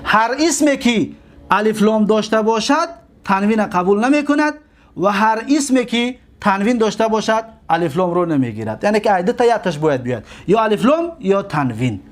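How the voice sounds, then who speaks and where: In this classroom grammar lecture, a Tajik-accented man with a high voice and big pitch swings asks questions only to answer them himself. He stretches out his examples at a slow pace.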